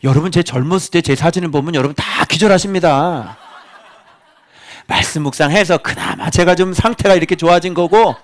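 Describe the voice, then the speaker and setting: A man's voice: on the high side, fairly quick. A middle-aged man preaching a sermon as pastor, chatty and teasing, often quizzing his congregation.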